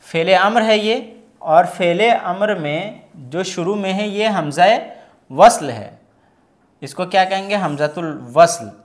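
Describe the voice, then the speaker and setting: A man teaching an Arabic grammar lesson step by step, patiently asking questions and answering them himself, and reading example phrases slowly and carefully. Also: on the high side. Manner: explains patiently, asks and answers his own questions.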